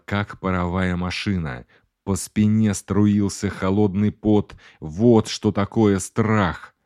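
A man reads an audiobook in the first person, laying out the story in an unhurried, dramatic way. His voice sits on the low side, and the recording is close and dry with no room sound. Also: warm tone, dry recording. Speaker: audiobook narrator.

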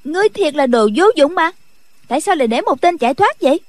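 A woman's voice: high voice, lively intonation, fast talker, no room sound. A woman voicing a mischievous young girl who teases and bosses others in a martial-arts audiobook. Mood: teasing. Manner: playful and bossy.

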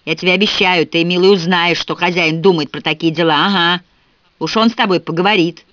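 A man voicing a wild, rough-spoken teenage country girl who shouts and taunts. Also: high voice, steady tone, fairly quick, no echo. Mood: taunting. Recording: dull, dry lo-fi recording.

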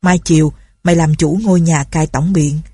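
A woman's voice: low voice, steady tone, moderate pace, dark tone, no room sound, studio quality. A woman voicing a bossy, scheming old ex-pirate chief who barks out orders. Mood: commanding. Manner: bossy, gruff commands.

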